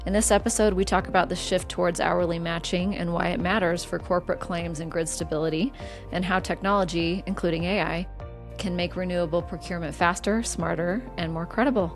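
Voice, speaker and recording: A woman's voice: lowish voice, fairly even intonation, a little fast, soft background music. A woman hosting a podcast interview, asking questions in a friendly, conversational way. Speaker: podcast host.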